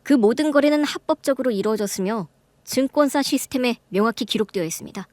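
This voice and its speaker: A woman voicing a calm, composed young businessman who speaks formally and firmly in a radio drama. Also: on the high side, no echo, close to an everyday voice. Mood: cool firm. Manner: formal, measured, coolly firm.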